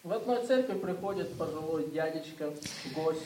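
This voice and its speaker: A man preaching a sermon in short phrases, pausing so an interpreter can follow. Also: fairly high pitch, lively intonation, darkish tone, reverberant. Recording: voice from a distance.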